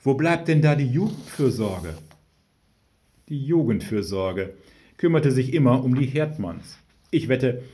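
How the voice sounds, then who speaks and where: A man narrating a story in a calm reading voice, with dry humor. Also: mid-range voice. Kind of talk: scripted narration.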